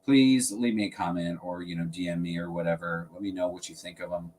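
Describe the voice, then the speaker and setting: A man chats loosely with his viewers during a live stream, drifting between thoughts and laughing often. His voice sits a little low. He sounds like he is at a desk mic at home. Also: steady tone, a little fast, darkish tone, a little hiss or hum. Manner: laid-back, rambling, laughs often. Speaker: fragrance channel host. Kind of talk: casual livestream chat.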